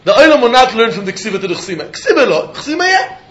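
A man's voice: high voice, very animated, quick pace, a bit bright, lo-fi sound. A man with a Yiddish accent teaching a religious text lesson in a sing-song pattern of questions and answers. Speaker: Talmud teacher. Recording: echoey room.

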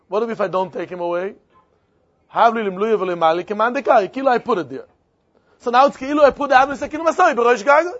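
A man with a strikingly high voice and a Yiddish accent leads an interactive Talmud lesson. He argues his way along, firing and repeating rhetorical questions in yeshiva idiom. The recording is dull and lo-fi. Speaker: Talmud teacher.

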